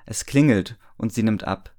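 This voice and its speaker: A man's voice: fairly low pitch, normal speed, darkish tone. Amused man mocking a story as he reads. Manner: amused, laughs often, breaks off to mock the text. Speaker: reader and commentator. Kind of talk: comedic reading of a story with commentary.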